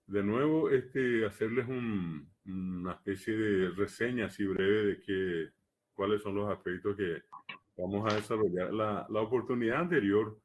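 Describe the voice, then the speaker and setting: A man giving a live academic lecture, measured and explanatory, pausing often on hesitation fillers. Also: on the low side. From Paraguay. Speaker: lecturer on the Guaraní language.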